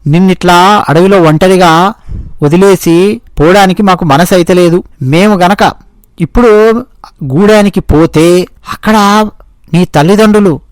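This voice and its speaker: A man speaks as worried young hunters, pushing and insistent as they try to drag their friend home. The voice sits fairly high and sounds close and dry, as in a told folk tale. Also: a little slow, pauses often, no echo. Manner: insistent, urging. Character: group of young male hunters, worried and urging.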